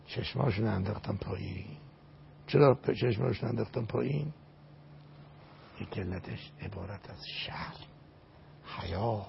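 Gravelly older man, emphatic preaching. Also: mid-range voice, slight background noise. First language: Azerbaijani. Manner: emphatic, recites Arabic verses, repeats phrases for stress. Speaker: religious scholar. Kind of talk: religious lecture in an interview. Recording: dull lo-fi recording.

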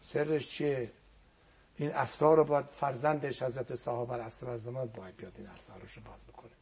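Gravelly husky man teaching religion. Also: mid-range voice, fairly even intonation, darkish tone. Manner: earnest teaching tone, quoting Arabic prayers, drops to near whispers. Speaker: religious scholar guest. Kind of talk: religious talk on a TV program.

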